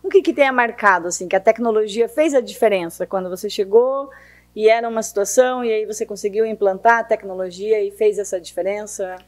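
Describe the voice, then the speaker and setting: A woman hosting a casual interview, lively and teasing with her guest. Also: medium pitch, a little fast. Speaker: interview host.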